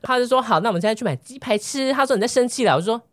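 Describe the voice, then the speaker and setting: A man telling a story in casual podcast chat, animated, swearing casually and acting out the lines of the people in it. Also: extremely high pitch, very fast, no echo, clean studio sound. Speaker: podcast co-host.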